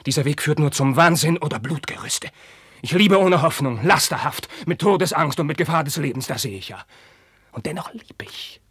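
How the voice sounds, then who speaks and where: Don Carlos, a tormented young prince. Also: male voice, sits low, fairly even intonation, moderate pace, pauses often, husky, no echo, studio quality. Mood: anguished. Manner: declamatory verse, swings from hushed whispers to outbursts. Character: young anguished prince, passionate, tormented by forbidden love. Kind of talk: 1950s radio drama acting.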